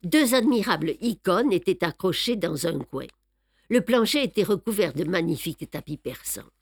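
A woman narrating a novel in the first person with a measured, even storytelling manner. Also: fairly low pitch, husky, dry recording, clean studio sound. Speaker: audiobook narrator.

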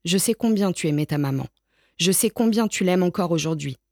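A woman voicing a wise old male graveyard cat who speaks softly and patiently in a storybook. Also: lowish voice, animated, fairly quick, no echo, studio quality. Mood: gentle. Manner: soft, patient and reassuring.

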